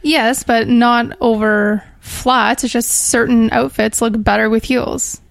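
A woman's voice: on the high side, fairly even intonation, slow pace, vocal fry, dry recording. A woman speaking casually as a guest in a podcast interview, recorded in a small room. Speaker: podcast guest, personal trainer.

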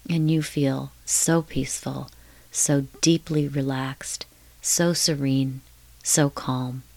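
A woman guides deep relaxation in a low, even voice. Her delivery is slow and soothing, like a hypnotic countdown, with hushed, repetitive phrases. The sound is close and dry, free of room echo. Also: vocal fry.

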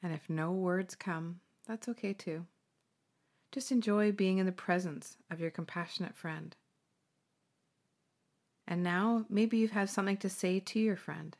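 A woman guides a meditation in a calm, unhurried way. Her voice sits a little low and soothing, with gentle pauses between phrases. She sounds like she is hosting a relaxation session.

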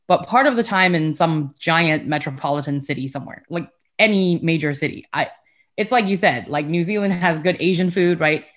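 A young American woman co-hosts a podcast, chatting casually with a friend, giggling and laughing often. Her voice is on the low side with a fairly bright tone.

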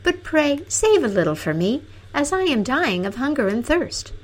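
Woman doing a soft timid princess, goes way up high, very bouncy. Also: big pitch swings, normal speed, rough recording. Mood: pleading. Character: gentle young princess, timid and sweet.

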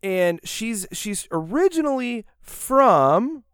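A man's voice: high voice, sing-song, takes it slowly, fairly bright tone, clean tone, no echo, clean studio sound. An American man chatting casually as a podcast host, rambling, swearing and laughing often. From United States.

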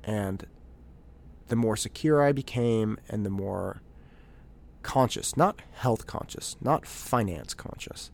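A man, hosting a podcast and telling a reflective personal story, animated and acting out quoted voices. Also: fairly low pitch, slow, creaky. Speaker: podcast host.

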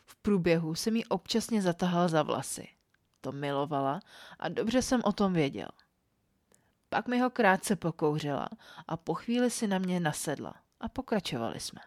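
A woman with a fairly low voice narrates an erotic story in a calm, even way. The sound is dry and close to the mic, with no room around it. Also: no echo. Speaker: podcast storyteller.

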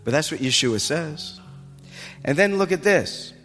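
A male pastor delivering a sermon with a somewhat high voice, expressive and rising in pitch as he brings scenes to life. His voice rings through a reverberant worship hall. Soft music plays faintly underneath. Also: measured pace. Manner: expressive, rises in pitch when retelling scenes.

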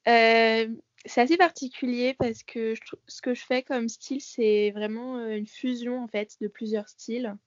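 A woman's voice: a little high, fairly even intonation, moderate pace, dry recording. An eighteen-year-old woman, a dancer, chatting loosely with plenty of fillers while heard over a phone call line. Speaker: dancer, interview guest. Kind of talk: casual chat.

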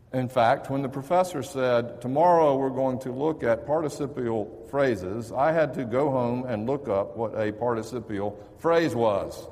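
A man's voice: medium pitch, a little mellow, in a large hall. A man preaching a sermon in a conversational, storytelling manner. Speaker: pastor.

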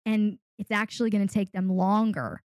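A woman's voice: mid-range voice, level tone, normal speed, darkish tone, no echo. A woman hosting an advice podcast, coaching a guest in an emphatic, direct way and stacking points for effect. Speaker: podcast host and coach for dominants.

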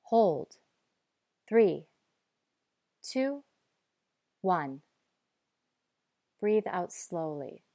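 A woman guiding breathing and muscle relaxation in a calm, measured, instructive way. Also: fairly low pitch, no echo, clean studio sound. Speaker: guide.

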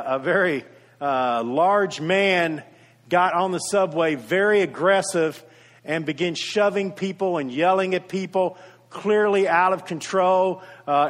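A male pastor delivering a sermon in a fairly high voice. He preaches earnestly, swelling louder on key points and then falling to a quiet, tender hush. His voice trails off in the long reverb of a big church hall. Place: church sanctuary.

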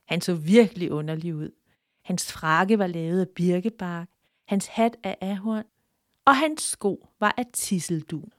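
A woman as storyteller, narrating a children's folk tale calmly and clearly with gentle expression. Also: on the low side, no room sound, studio quality.

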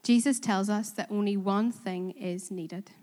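A woman preaches unhurriedly in a Belfast church, her Korean-accented voice mid-range, steady and darkish. Earnest and willing to laugh at herself, she asks the congregation questions while the hall reverberates.

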